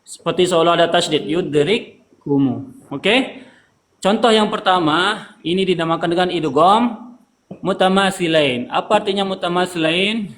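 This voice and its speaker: A man's voice: high voice, normal speed, fairly bright tone. A man teaching Quran recitation rules, patiently repeating terms and asking students to read aloud. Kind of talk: online tajwid lesson.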